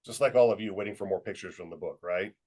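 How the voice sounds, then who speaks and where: A middle-aged man presenting a webinar, telling an anecdote in a lively way and acting out quoted dialogue, speaking into a computer mic on a video call. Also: deep voice, fast talker, slightly rough, rough recording. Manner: lively storyteller who acts out quoted dialogue. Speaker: webinar presenter and student leadership trainer.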